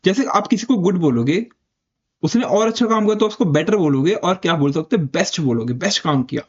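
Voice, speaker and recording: High-voiced Indian man teaching English grammar. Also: lively intonation, breathy edge, dull audio. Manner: explains step by step, repeats key points, slows down to spell out English examples. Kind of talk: spoken grammar lesson.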